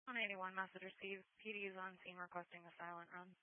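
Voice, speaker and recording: A woman's voice: medium pitch, steady tone, fast talker. A woman working as an emergency dispatcher, speaking in terse, businesslike procedural phrases over two-way radio. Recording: tinny narrowband two-way radio.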